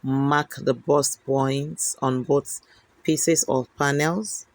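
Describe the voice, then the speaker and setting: Gravelly-voiced man explaining sewing. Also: medium pitch, steady tone, drawn-out words, no room sound. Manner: instructive, checks in with "okay?". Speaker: sewing instructor.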